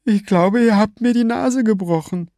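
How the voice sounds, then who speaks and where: A man reading aloud and voicing a boastful, vicious young male killer in a shrill, hissing voice. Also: normal speed, dark tone, no echo, clean studio sound. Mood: enraged.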